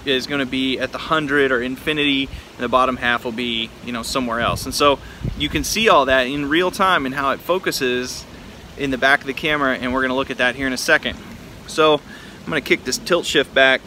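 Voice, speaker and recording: A Texan vlogger stands outdoors by the pool in his backyard, giving a hands-on, camera-facing demonstration of vintage cameras in a casual, laid-back way. His mid-range voice is steady and sharp, moving fairly quickly. Faint pool noise can be heard in the background.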